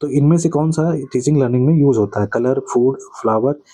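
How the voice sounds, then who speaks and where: Dark, husky Hindi-accented male teacher. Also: mid-range voice, fairly quick, low-quality recording. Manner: asks "clear?" after each answer, repeats key words as questions. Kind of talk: exam-prep lesson, explaining answers.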